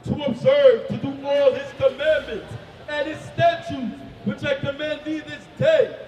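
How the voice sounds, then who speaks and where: A man reading scripture aloud in a slow, shouted, declaiming way. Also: extremely high pitch, steady tone. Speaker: scripture reader. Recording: muffled, echoey, distant, faint crowd.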